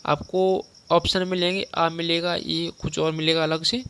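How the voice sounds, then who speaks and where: Bright, crisp-voiced young male teacher. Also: fairly high pitch, level tone, normal speed. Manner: conversational, repeats points and quizzes the listener. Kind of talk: spoken lesson on Hindi grammar.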